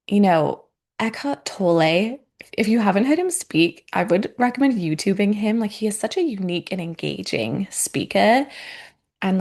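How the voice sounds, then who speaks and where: A woman's voice: medium pitch, gravelly, darkish tone. A woman in her thirties hosting a podcast, talking in a chatty, reflective way with lots of fillers. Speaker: podcast host. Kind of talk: casual solo podcast talk.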